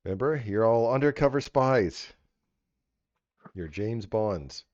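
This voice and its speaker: Lively low-voiced male game master. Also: slow, no room sound. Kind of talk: casual narration of a tabletop game. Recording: slightly dull, muffled audio.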